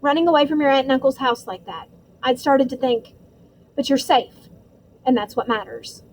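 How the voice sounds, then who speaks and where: A woman voicing a portly, pompous middle-aged male official who speaks in a lower, clipped and testy way. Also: moderate pace, a little hiss or hum, lightly acted, poor audio. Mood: reassuring. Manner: low, clipped, pointed and testy.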